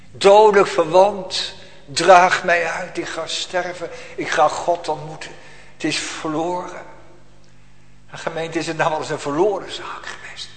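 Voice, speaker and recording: A man's voice: fairly high pitch, fairly bright tone. A man preaching a solemn, emphatic sermon to his congregation in a church. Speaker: pastor. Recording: long church hall reverb.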